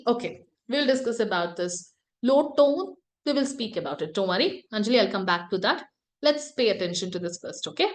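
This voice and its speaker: Woman trainer teaching an online class. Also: on the high side. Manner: tag questions, repeated emphasis. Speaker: presentation skills trainer.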